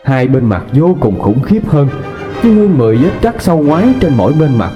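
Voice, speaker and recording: A man narrating a horror story in a steady, even storytelling voice. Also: mid-range voice, brisk. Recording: dull lo-fi with faint music.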